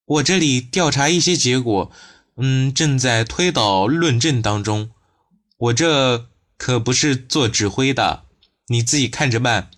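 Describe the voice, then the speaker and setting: A man voicing a brisk, preoccupied police investigator in an audiobook. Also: medium pitch, a bit bright, close to an everyday voice. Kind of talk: audiobook character voice.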